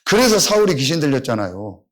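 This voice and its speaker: Male pastor, higher voice, very animated pitch, blunt scolding sermon. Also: fast talker. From Seosan, South Korea. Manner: blunt, scolding, rhetorical questions to the congregation.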